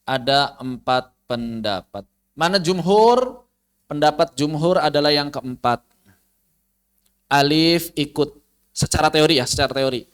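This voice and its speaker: A man's voice: on the high side, smooth. A man teaching an online tajwid lesson, explaining step by step, repeating key phrases and demonstrating letter sounds. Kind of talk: online Quran recitation lesson.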